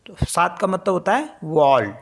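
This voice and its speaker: A woman teaching a French pronunciation lesson in Hindi mixed with English, spelling each word letter by letter and repeating it slowly. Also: on the low side, big pitch swings, gravelly, breathy edge. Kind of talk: spoken language lesson.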